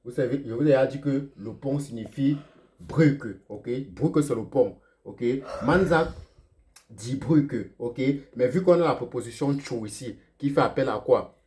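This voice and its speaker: A man teaching a lesson, checking in with "ok?" after almost every phrase and slowing down sharply on the words he is teaching. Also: medium pitch, darkish tone. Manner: slows down sharply to spell out German words. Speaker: German teacher. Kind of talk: explaining lesson to learners.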